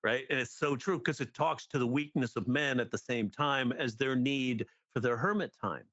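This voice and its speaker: A middle-aged man, a guest comedy writer and teacher, in casual podcast chat, lively and acting out jokes as he explains them. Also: mid-range voice, moderate pace, no echo, dull audio. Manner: animated, acts out jokes and quotes.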